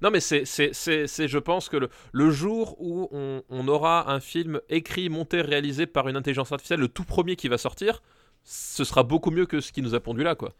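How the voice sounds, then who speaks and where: A man co-hosting a film podcast in casual chat, animated and stumbling over repeated words as he complains. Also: fairly high pitch, brisk, dry recording, clean studio sound. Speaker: podcast co-host.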